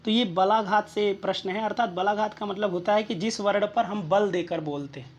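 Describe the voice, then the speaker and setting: Casting: woman teacher, methodical and patient, talks through each exam answer, mid-pitched voice. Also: steady tone, moderate pace, slight background noise. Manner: methodical, checks in with rhetorical questions. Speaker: Sanskrit exam tutor.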